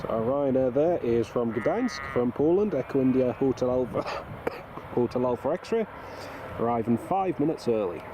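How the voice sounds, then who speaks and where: A man hosting a livestream outdoors at an airport sounds bunged up from a cold. He speaks at medium pitch with lively intonation and a moderate pace, chatting casually to viewers and greeting them by name, while loud aircraft and traffic noise fill the background.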